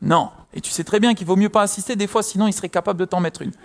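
A young man preaching a sermon, telling a personal story in a lively way and acting out the people in it. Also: high voice, very fast. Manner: lively storytelling, acts out quoted voices.

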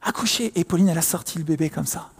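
Young male preacher, high-pitched, lively storyteller who acts out voices. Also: racing, creaky, background noise. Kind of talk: sermon with personal story.

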